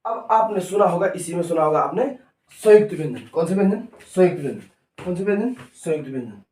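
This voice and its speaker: Male tutor, high voice, repetitive call-and-response drilling; distant mic in a roomy classroom. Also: lively intonation, a little fast, darkish tone. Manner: call-and-response drilling, repeats each answer. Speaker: teacher. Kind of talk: classroom lesson. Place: coaching classroom. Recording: echoey room, mic far off.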